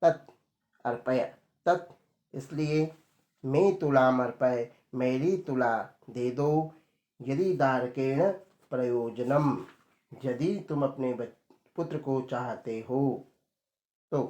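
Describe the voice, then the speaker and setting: Man, teacher, slow word-by-word explaining, echoey room. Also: medium pitch, a little mellow. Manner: slow, reads a line then explains it word by word. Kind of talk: line-by-line Sanskrit lesson explained in Hindi.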